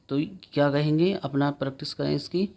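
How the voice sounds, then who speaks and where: A man teaching Quran reading, slowly drilling letters one by one and explaining how to pronounce them. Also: a little high, steady tone, creaky, a little mellow. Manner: slow, repetitive letter-by-letter drilling with short explanations. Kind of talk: spelling lesson, drilling Arabic letters.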